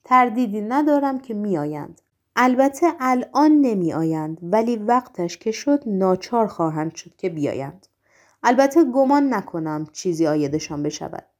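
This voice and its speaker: A woman's voice: mid-range voice, animated, lightly acted. A woman voicing a fawning, effusive male henchman in a storybook reading.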